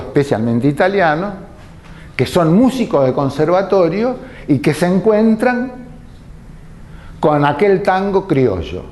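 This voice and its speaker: Slow, lively-pitched male lecturer. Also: slight background noise. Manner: slow, deliberate explaining with rhetorical questions. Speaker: tango lecturer.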